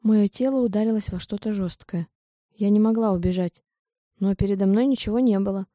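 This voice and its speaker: A woman reading a first-person audiobook in an even, steady storytelling manner. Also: medium pitch, a little fast, no echo. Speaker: audiobook narrator.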